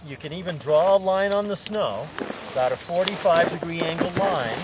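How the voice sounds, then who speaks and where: Male ski instructor, slightly high voice, folksy and jokey, projecting to a group; clear outdoor noise behind. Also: normal speed. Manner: folksy, joking. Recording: outdoor ambient noise, shifting distance.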